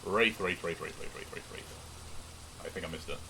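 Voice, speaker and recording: A man doing live horror game commentary, chatting casually to viewers in an animated, excitable way with jokey asides. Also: low-pitched, moderate pace, vocal fry, a little hiss or hum, rough recording. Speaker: game streamer.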